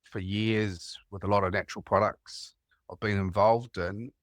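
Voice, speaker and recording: A man's voice: lowish voice, fairly even intonation, moderate pace, no room sound, studio quality. A man from New Zealand with a New Zealand accent, calling in and telling rambling stories in a casual chat. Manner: rambling, anecdotal storytelling with laughs. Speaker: caller.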